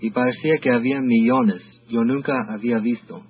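A man's voice: medium pitch, fairly even intonation, fairly quick, breathy edge, dry recording. Man preaching over a tinny line. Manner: storytelling, addresses the congregation directly. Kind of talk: sermon retelling a vision. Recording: tinny phone-like sound with faint music.

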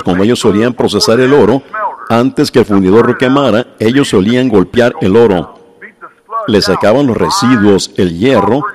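A man preaching a sermon to a congregation, often breaking off to ask the listeners whether they see his point. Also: medium pitch. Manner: addresses the congregation directly with repeated questions.

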